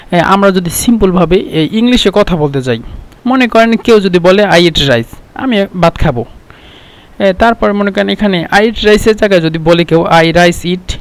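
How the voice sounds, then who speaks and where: A man with a high voice gives a relaxed spoken language lesson. He explains patiently, fills pauses with hesitations, and repeats each example phrase several times. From Bangladesh. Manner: explains slowly with many fillers and repeated examples. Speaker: Arabic language teacher.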